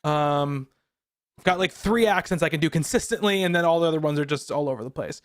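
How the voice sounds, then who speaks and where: Guy with a kinda high voice, podcast cohost, rambly, lots of ums. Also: quick pace. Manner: rambling, with frequent ums and restarts. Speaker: podcast co-host. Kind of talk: casual chat.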